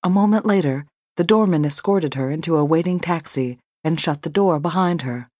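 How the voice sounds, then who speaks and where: A woman narrating an audiobook in an emotive, measured reading. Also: deep voice, a little mellow, dry recording, clean studio sound. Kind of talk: scripted narration.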